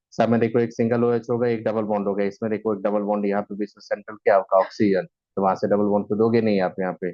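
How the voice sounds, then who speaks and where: A man's voice: fairly low pitch, lo-fi sound. A man teaching chemistry in mixed with terms, who keeps asking his students questions and answering them himself. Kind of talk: classroom lecture.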